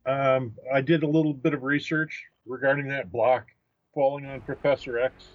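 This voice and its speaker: A man's voice: mid-range voice, level tone, normal speed, dry recording, lo-fi sound. A man co-hosting a comics podcast, carefully recounting details with many fillers. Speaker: podcast co-host. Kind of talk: casual chat about comics.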